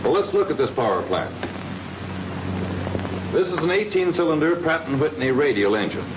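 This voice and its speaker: Slightly high and very animated, this man's voice moves at a moderate pace. He plays a confident US Army captain instructing pilots in a matter-of-fact, plain, orderly way, styled after 1940s training films, serving as a flight instructor. The sound is noisy and dull, like an old 1940s film track.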